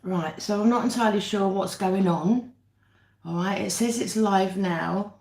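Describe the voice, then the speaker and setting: A woman's voice: medium pitch, measured pace, a little mellow. A woman with a British accent hosting a casual livestream, chatting to viewers while eating her dinner mukbang-style. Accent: British English. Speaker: livestream host. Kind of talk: casual live chat over a meal. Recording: echoey room.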